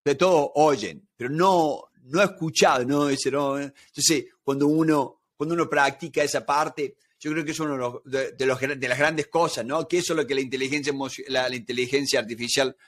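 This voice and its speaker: A man with a Rioplatense Spanish accent speaks as an interview guest. He works through his points with homely examples in an explanatory, conversational way. His voice sits at a mid pitch. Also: fairly even intonation, a little fast, hardly any pauses. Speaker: negotiation expert guest.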